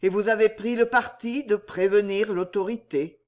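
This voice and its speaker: A man voicing a sad, ailing young married woman who reproaches her cousin gently and then sharply, in a storybook reading. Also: high-pitched, fairly even intonation, normal speed, close to an everyday voice. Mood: sad, ironic.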